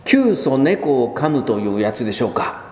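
A man preaching a sermon as pastor, telling the story with lively emphasis, drawing out key words and acting out quoted lines. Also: medium pitch, normal speed. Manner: animated storytelling, acts out quoted speech. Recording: echoey hall with long reverb.

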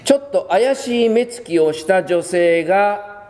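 A man serving as pastor, giving a measured sermon with many pauses and fillers in a church. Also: high voice, lively intonation, darkish tone. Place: church sanctuary. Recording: long church reverb.

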